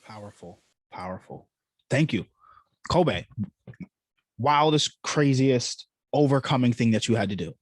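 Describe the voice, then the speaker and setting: A man hosting a podcast, reacting with animated enthusiasm. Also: medium pitch, unhurried, long pauses, no room sound. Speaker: host.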